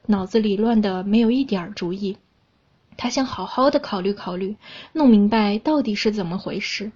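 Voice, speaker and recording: Young woman from china reading a story aloud, calm, bit husky, kinda muffled recording. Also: a little high. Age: young adult.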